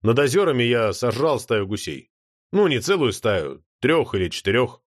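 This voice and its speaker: A man's voice: mid-range voice, big pitch swings, normal speed. A man voicing a worried, earnest dragon father with a gloomy manner.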